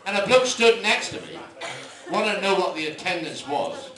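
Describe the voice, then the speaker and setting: A man's voice: sits high, animated, moderate pace. An older man doing stand-up, telling dry one-liners with rambling asides. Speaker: stand-up comedian. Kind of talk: live stand-up jokes. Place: live comedy venue. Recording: echoey club, mic at a distance, loud crowd. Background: audience laughter.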